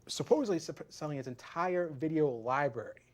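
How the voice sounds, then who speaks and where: Man, wrestling podcast co-host, rambling delivery, slightly higher voice. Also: lively intonation, brisk, darkish tone. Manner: rambling, repeats words and restarts. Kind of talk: casual wrestling podcast chat.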